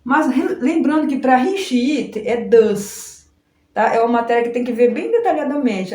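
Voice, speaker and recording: A woman from Brazil teaching an informal English lesson. She explains slowly, repeats herself and often adds little checks like "right?" and "look". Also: fairly high pitch, dark tone. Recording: echoey room with faint noise.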